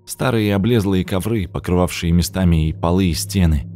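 A man narrating an audiobook in a steady, measured reading voice. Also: low voice, soft background music.

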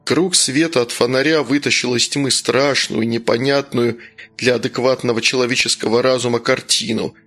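A man reading a horror story aloud in a steady narrating voice. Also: medium pitch, normal speed. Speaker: audiobook narrator. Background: faint music.

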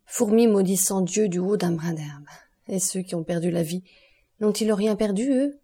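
A woman reading the part of a stern, relentless male doctor, solemn and accusing in a measured way. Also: mid-range voice, warm tone, breathy edge, natural voice.

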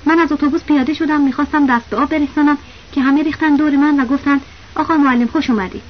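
A woman's voice: high-pitched, steady tone, close to an everyday voice. A woman reading the quoted lines of a young man posing as a teacher, flustered and pleading as he keeps denying things. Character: flustered young male impostor teacher, desperate. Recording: dull lo-fi audiobook recording with faint hiss.

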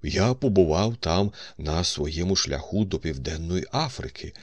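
A man playing a well-traveled older colonel who speaks in a measured way. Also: low-pitched, expressive, no room sound. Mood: recalling.

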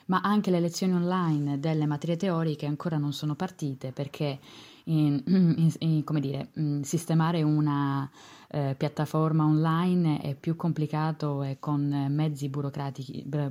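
A woman's voice: low voice, level tone, moderate pace, dark tone. A young woman from Palermo talks informally as a student, often searching for her words. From Palermo, Sicily, Italy. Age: young adult. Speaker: art student. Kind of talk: casual, informal address to camera.

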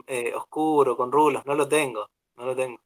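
A young man with an Argentine accent co-hosting a casual radio chat show, rambling and relaxed with many fillers. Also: medium pitch, normal speed. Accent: Argentine Spanish. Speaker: radio co-host.

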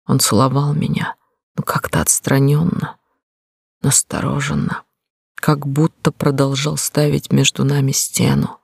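Gravelly, intimate audiobook narrator. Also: mid-range voice, fairly even intonation, unhurried, no room sound, clean studio sound. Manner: emotional, intimate reading. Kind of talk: first-person romance audiobook narration.

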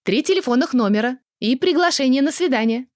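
Woman reader as an excitable, touchy young woman, high-pitched, dry sound. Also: no room sound. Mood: teasing. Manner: excitable, emotional, quick to take offence. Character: tipsy indignant young woman, dramatic and touchy.

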